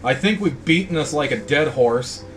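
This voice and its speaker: A man's voice: a little high, lively intonation, normal speed, a bit bright, slight background noise. A man hosting a casual talk video, rambling in a blunt, indignant way. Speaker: host. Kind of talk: casual ranting chat.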